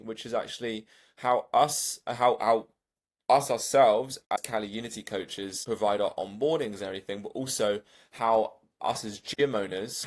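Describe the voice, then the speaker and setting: A young man, a gym owner, giving a casual coaching lesson in an animated way, with swearing and quick restarts. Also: fairly low pitch.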